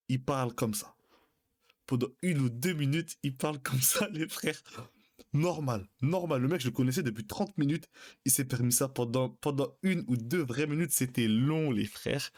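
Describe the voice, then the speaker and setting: Slangy young man telling a story. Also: mid-range voice. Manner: slangy, animated, addresses listeners as brothers. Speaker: live streamer. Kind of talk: casual anecdote telling.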